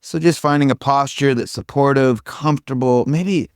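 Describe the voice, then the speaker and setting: A meditation teacher gives an informal spiritual talk to a group, rambling and irreverent, swearing frequently and joking at his own expense. His mid-range voice moves at normal speed, with a clean tone and clean studio sound free of any room noise.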